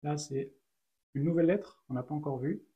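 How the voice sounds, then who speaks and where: A man's voice: a little high, moderate pace, muffled recording, background noise. A man teaching an Arabic lesson in French, patiently explaining each letter and sound one at a time with frequent fillers. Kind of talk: slow step-by-step lesson.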